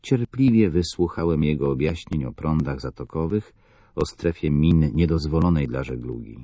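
Very deep, gravelly male narrator. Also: animated, normal speed, dark tone, no room sound. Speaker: audiobook narrator. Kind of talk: scripted first-person narration.

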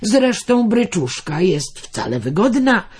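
A man's voice: high voice, sing-song, takes it slowly, slightly rough, pitched above the performer's own voice, full character voice. A man voicing a tall, protective young man who commands strangers and comforts a girl tenderly. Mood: soothing.

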